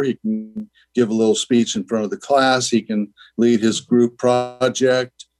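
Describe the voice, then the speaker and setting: Earnest older man, rambling gently. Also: mid-range voice, rough recording. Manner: earnest, rambling, many "you know" fillers. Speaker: guest, school founder. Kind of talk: radio interview.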